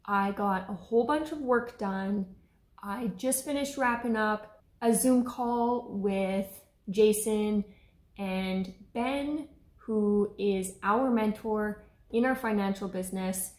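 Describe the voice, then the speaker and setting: A woman's voice: medium pitch, darkish tone. A woman in her thirties chatting to camera at home about her day, upbeat and talkative. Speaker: vlogger. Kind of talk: casual vlog chat to camera. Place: home kitchen and living room indoors. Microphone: camera on a stand in front of her. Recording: echoey home room.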